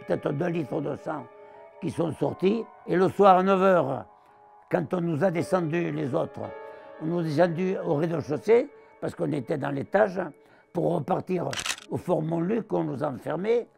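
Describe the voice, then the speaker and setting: A man in his nineties with a southern French accent and a gravelly voice, telling his wartime memories as an interviewee and acting out the voices he quotes. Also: a little high, measured pace, faint music behind. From southern France. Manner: animated, acts out the voices he quotes. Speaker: interviewee, war veteran. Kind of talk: storytelling recollection.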